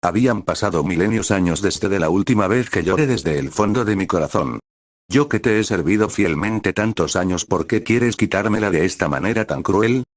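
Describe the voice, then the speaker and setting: A man's voice: low-pitched, expressive, moderate pace, dry recording, clean studio sound. A man reading a fan fiction story aloud in the first person, with emotional, dramatic storytelling.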